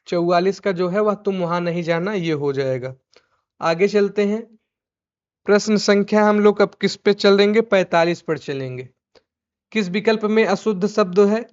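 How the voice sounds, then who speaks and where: High, smooth-voiced Hindi teacher, man. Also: normal speed. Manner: repeats his own questions back as drill. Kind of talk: exam answer key walkthrough. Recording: dull lo-fi recording.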